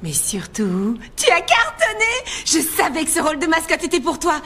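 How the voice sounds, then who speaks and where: A woman playing an excitable, encouraging school squad leader in a family comedy film, with an exuberant, urging manner. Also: high-pitched, normal speed, exaggerated voice. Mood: admiring, urgent.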